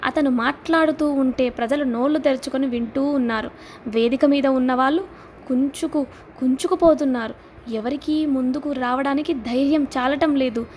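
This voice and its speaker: A woman narrating a literary novel as an audiobook, in a steady storytelling manner. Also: sits high, normal speed, a little hiss or hum.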